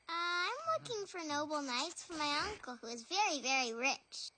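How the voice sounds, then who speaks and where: Very high, breathless cartoon girl, awed and eager. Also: expressive, normal speed, bright, forceful tone, slight background noise. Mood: timid. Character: eager young girl, runaway niece. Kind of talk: animated film dub.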